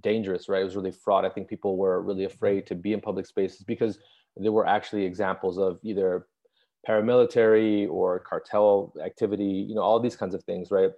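A man's voice: low voice, level tone, brisk. A man from Chicago speaking as a guest in a remote interview, thoughtful and hesitant with many ums. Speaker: visual artist guest. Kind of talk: remote interview over video call. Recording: dull lo-fi video call audio.

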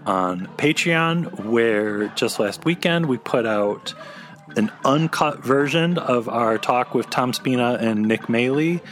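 A man with a mid-pitched voice co-hosts a fan podcast. He talks in a casual, conversational way, with faint music behind him. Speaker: podcast co-host.

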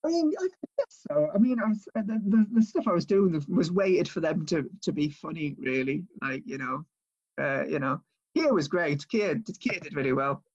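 A man's voice: fairly high pitch, lively intonation, moderate pace, dull audio. A male comedian chatting casually over a video call, rambling with frequent laughs and restarts. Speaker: comedian guest. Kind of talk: casual chat.

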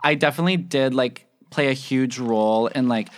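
Loud, rambling young man guest. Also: medium pitch, brisk. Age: young adult. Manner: rambling, peppered with "like", excitable and loud. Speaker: podcast guest. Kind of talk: casual chat. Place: podcast studio. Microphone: studio mic.

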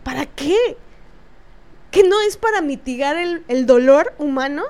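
Speaking in a high, expressive voice with a darkish tone, this Mexican-accented vlogger recounts her own infuriating experience. She's indignant throughout, swears without restraint, and pauses on fillers.

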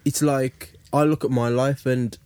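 A man's voice: mid-range voice, level tone, unhurried, dark tone, clean tone, dry recording. A young man with an urban London roadman accent in casual podcast discussion, speaking emphatically and repeating phrases to make his point. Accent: London, urban roadman slang.

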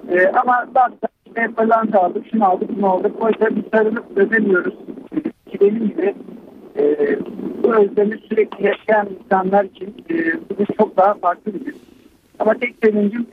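A man, a father, calling in over a landline phone and speaking earnestly and reflectively. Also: sits high. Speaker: caller, father. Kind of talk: call-in radio phone chat. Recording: tinny noisy phone line.

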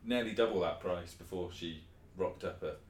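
A man's voice: low-pitched, normal speed. A man with an English accent co-hosting a casual sports podcast, dry and matter-of-fact. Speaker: podcast co-host. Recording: echoey room with clear noise.

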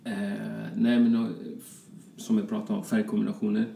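A man's voice: fairly low pitch, level tone, gravelly, mellow, slight background noise. A man from Colombia, a fashion designer guest, chatting casually with lots of fillers and restarts. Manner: rambling, many fillers and restarts. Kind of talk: casual interview chat. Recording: roomy echo, distant from mic.

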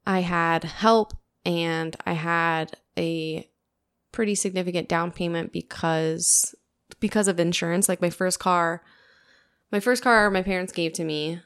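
A woman's voice: on the low side, a little slow, clean tone. Chatty young woman hosting a podcast. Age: 20s. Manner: chatty and animated, with frequent "like" fillers. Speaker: podcast host. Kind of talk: casual conversational podcast.

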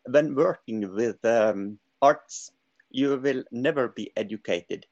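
A man's voice: medium pitch, takes it slowly, a little mellow, highs cut off. A man who teaches, speaking emphatically in casual chat.

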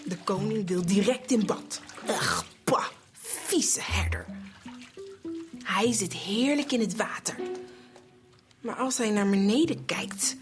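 A woman narrating a children's storybook in an animated, expressive way. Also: mid-range voice, measured pace, music in the background.

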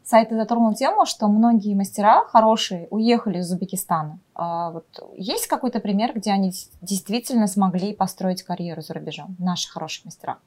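A woman speaks at a quick pace in a mid-range voice. She hosts a podcast, putting questions conversationally and addressing listeners directly. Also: medium pitch, a little mellow. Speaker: podcast host. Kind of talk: conversational interviewing.

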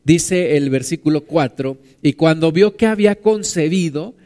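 A man's voice: a little high, moderate pace, darkish tone. A man preaching a sermon, reading Bible verses and explaining them in a conversational way, often asking his listeners "right?".

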